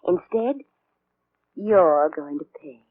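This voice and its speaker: An actor playing a sly, taunting blackmailer in an old radio show, mocking and menacing. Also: male voice, sits high, lively intonation, slow pace, no room sound, full character voice. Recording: tinny, dry old radio recording.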